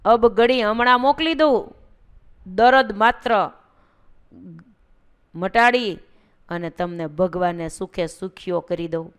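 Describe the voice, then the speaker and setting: Woman voicing a brisk old holy man. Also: mid-range voice, clean tone, close to an everyday voice. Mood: brisk, firm. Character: kindly confident old male holy man.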